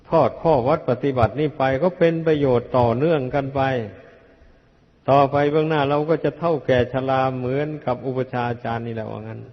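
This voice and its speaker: Older monk, dull echoing archive recording. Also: male voice, medium pitch. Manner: plain, unhurried admonishing with fillers. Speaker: Buddhist monk teacher. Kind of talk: dharma talk to disciples.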